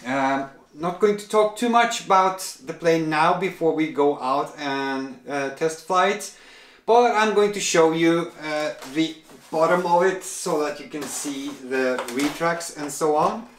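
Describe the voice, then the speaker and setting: A man in his forties reviewing a model airplane at a table indoors, talking in a relaxed way with many pauses and fillers. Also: fairly high pitch, echoey room. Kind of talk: product unboxing review.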